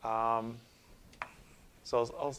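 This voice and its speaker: A man's voice: mid-range voice, little pitch movement, very slow, fairly bright tone, slight background noise. A man lecturing a university class in a loose, informal way, thinking aloud with many fillers, restarts and "right?" checks. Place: lecture room.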